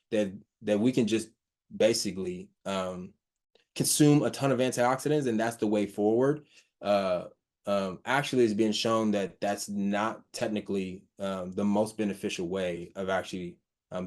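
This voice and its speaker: A man giving an informal slide talk, reading research quotes aloud and explaining them haltingly, with frequent fillers, restarts and a stutter he mentions himself. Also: lowish voice. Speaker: presenter on hydrogen health research.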